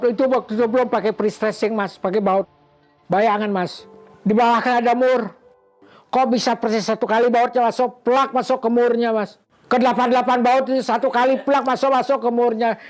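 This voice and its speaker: Older man, animated storyteller, faint music underneath. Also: extremely high pitch. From Bali, Indonesia. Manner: animated, acts out counts and voices of others. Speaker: interviewee. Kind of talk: personal storytelling.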